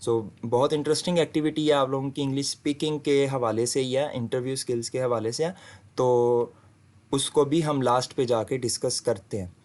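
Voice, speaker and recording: A man giving a recorded lesson, reading example sentences slowly and clearly. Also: mid-range voice, fairly even intonation, darkish tone. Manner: slow, deliberate reading of English example sentences. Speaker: English teacher. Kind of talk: video lecture.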